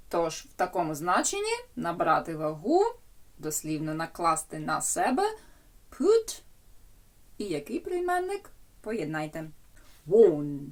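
Woman teaching English with a lively voice. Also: mid-range voice. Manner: explains in Ukrainian, reads English examples slowly. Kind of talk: recorded language lecture.

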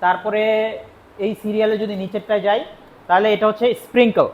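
A man's voice: sits high, fairly even intonation, fast talker. A young man from Bangladesh teaching vocabulary in a classroom lesson, explaining patiently and repeating key words. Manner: explains patiently, repeats words, asks and answers his own questions. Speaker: spoken English teacher.

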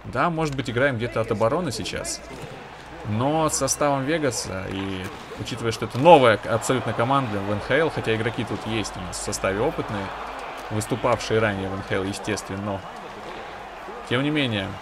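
A man's voice: fairly low pitch, a little fast, crowd noise, background noise. A man giving casual, conversational commentary on his own hockey video game, with analytical asides to viewers.

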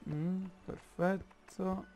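A man with an Italian accent commenting on his own Minecraft play, slow and halting, thinking aloud with many fillers. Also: high voice, steady tone, dark tone. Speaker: gaming YouTuber.

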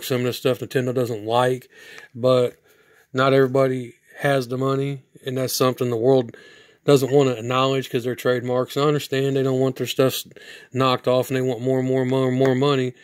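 A man with a hoarse, stuffy voice talks through a game cartridge in a rambling home video. His pitch stays mostly level and unvaried, sitting right at an ordinary middle height. The sound is close and dry, with little room echo. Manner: rambling, flat delivery with restarts. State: hoarse from sinuses. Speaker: product reviewer. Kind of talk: casual video review.

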